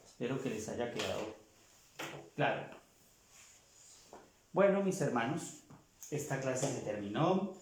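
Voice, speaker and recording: A man teaching a language class, slowly repeating and sounding out each word for his students. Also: medium pitch, very echoey. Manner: slow, repeats words, sounds them out. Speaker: French teacher.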